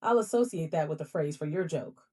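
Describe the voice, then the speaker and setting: A synthetic-sounding female assistant voice with a lively, rising and falling pitch and a mellow, darker tone. She answers in a polite, accommodating way, with a slight husky edge to the sound. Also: fairly quick. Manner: polite, accommodating, formal address. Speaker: smart home voice assistant. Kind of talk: assistant replies.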